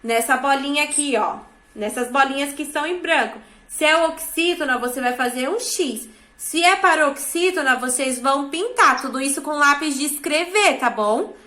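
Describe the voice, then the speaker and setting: A schoolteacher with a Brazilian Portuguese accent talks her pupils through an exercise step by step, pausing often to check they understand. Her voice sits high and sounds clear and bright. It carries the hollow ring of a classroom. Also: lively intonation, echoey room. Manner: patient, checks understanding with frequent tag questions. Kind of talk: classroom instruction.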